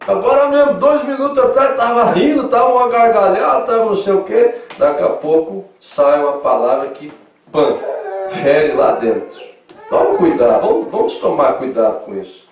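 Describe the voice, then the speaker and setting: Male southern Brazilian pastor, fairly high voice, animated teaching, echoey church hall, far mic. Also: normal speed, slight background noise. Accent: southern Brazilian Portuguese. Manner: animated, swings from loud emphasis to soft asides; acts out quoted dialogue in lively voices. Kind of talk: Sunday school sermon.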